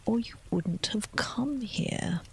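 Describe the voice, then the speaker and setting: A woman whispering the part of a sly, grinning, riddling cat in a storybook reading, drawing out her words slowly. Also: on the high side, animated, vocal fry, breathy edge, pitched above the performer's own voice, exaggerated voice. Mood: sly, teasing.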